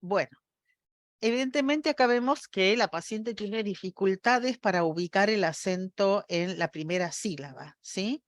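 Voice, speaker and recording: A woman's voice: medium pitch, a little slow, no room sound, studio quality. A woman gives a university lecture, explaining step by step and often checking that her audience follows. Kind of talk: academic lecture.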